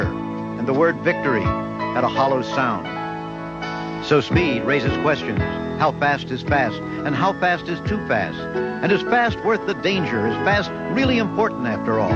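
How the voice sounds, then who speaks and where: A man hosting a sports broadcast, giving measured, reflective scripted narration. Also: a little high. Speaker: host narrator. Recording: dull lo-fi broadcast audio. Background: loud music bed.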